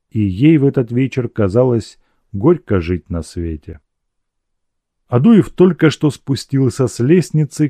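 Guy reading an old novel aloud, low mellow voice, steady pace, dry sound. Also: no echo. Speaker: narrator. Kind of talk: audiobook reading of a classic novel.

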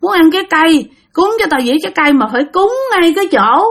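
A woman's voice: very high-pitched, lively intonation, fast, fairly bright tone, voice pushed up, full character voice. A woman voicing a fierce, growling old female spirit who has possessed someone and makes harsh, repeated demands. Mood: demanding. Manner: demanding, threatening, repetitive.

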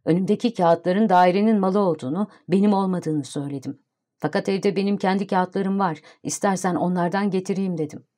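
A woman narrating a literary audiobook in a calm, even storytelling manner. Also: lowish voice, brisk.

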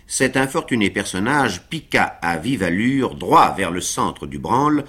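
A man reading a classic novel aloud for radio with unhurried, expressive narration. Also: lowish voice. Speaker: reader of a novel.

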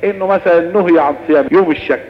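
A man with an Egyptian Arabic accent teaches Islamic law in a lively lecturing manner, his voice set high and his words tumbling out quickly. The recording is muffled and dull, with a long hall reverb trailing each phrase. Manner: lively explanatory lecturing, answering questions. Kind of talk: recorded religious lesson.

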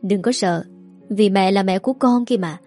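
A woman voicing a worried middle-aged village mother who questions her daughter firmly but gently. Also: mid-range voice, moderate pace, soft background music, natural voice. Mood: coaxing. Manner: firm but coaxing.

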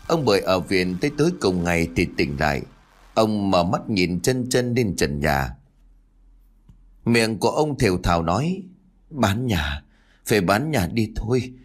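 A man narrating a ghost story in a lively storytelling manner. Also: on the low side.

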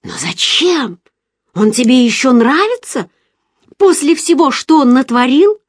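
A woman reader voicing an excitable, gossipy young woman friend who talks loudly in exclamations. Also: medium pitch, a little slow, breathy edge, dry recording, studio quality. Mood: excited. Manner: loud, exclamatory, emphatic.

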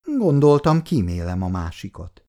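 A man's voice: fairly low pitch, very animated, dark tone. A male reader voicing an evasive young man who placates his mother. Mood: sheepish. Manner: placating, sheepish.

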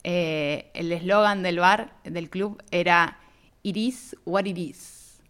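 With a slow, clear, resonant voice on the low side, an Argentine woman guest on a radio interview relates a travel anecdote casually in her Argentine Spanish accent. She brings it to life by acting out both sides of the exchange, reenacting dialogue with "me dice."

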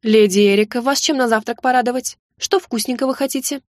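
A woman's voice: on the high side, fairly quick, no room sound, clean studio sound, close to an everyday voice. A woman voicing a kindly, grumbling older household cook with a fussy, homely manner.

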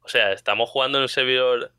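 Bright, animated Spanish man telling stories. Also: medium pitch, fast, clear, resonant tone, no echo, clean studio sound. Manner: animated storytelling, frequent laughter. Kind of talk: casual chat.

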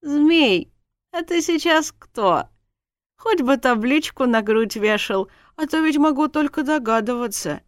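A woman reading an audiobook voices a tipsy young princess bride, teasing in a high, sing-song tone that rises well above her narration. The character is cheeky and stubborn, with giggly, lilting words, lively intonation and a measured pace. The recording is dry and close.

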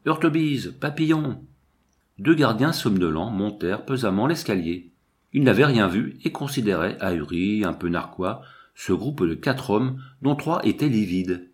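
Brief: lively male audiobook narrator, low voice with a wide range. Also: normal speed. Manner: expressive, lively storytelling. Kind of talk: scripted narration.

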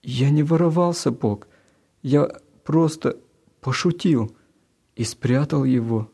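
A man's voice: medium pitch, takes it slowly, gravelly, warm tone, husky, voice pushed up, exaggerated voice. A man voicing a tearful, ashamed schoolboy prankster in a storybook reading, pleading and sobbing. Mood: upset.

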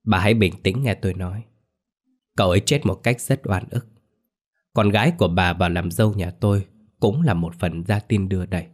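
A man voicing a calm male spirit medium who speaks in a slow, grave, measured way. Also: deep voice.

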